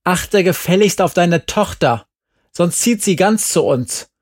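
Harsh, bossy storybook mother, put on by a male narrator; raised, loud and cutting. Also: high voice, animated, slow pace, no room sound, clean studio sound, voice pushed up, full character voice. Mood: scolding. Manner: sharp, commanding, contemptuous. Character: stern, scolding middle-aged mother.

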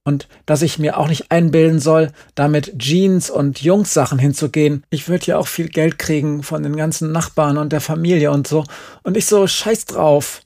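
A man voicing an angry, defiant teenage girl who grows agitated and loud. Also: fairly high pitch, steady tone, normal speed, natural voice. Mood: upset. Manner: agitated, rising and shouting.

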